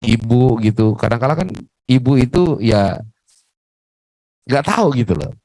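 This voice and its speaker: A man's voice: mid-range voice, expressive, a little slow, mellow, no room sound, low-quality recording. A man moderating a religious radio talk, speaking in a conversational, reflective way. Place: radio studio.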